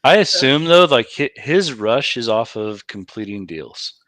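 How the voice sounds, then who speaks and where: A man in a casual podcast chat, making measured points and checking agreement with "right?". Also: mid-range voice, lively intonation, a bit bright, no echo. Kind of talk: casual banter.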